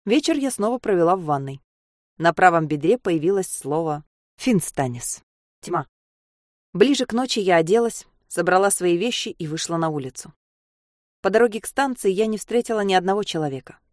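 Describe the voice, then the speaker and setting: Casting: female audiobook reader, lowish voice, dead-dry recording, detached. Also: expressive, brisk, a little mellow, dry recording. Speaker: audiobook narrator. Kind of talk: first-person novel reading.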